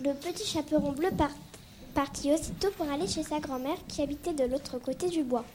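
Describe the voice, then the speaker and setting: High-voiced woman reading a tale aloud. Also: a little fast, background noise. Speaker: school pupil reading a story on a class radio show. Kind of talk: read-aloud storytelling.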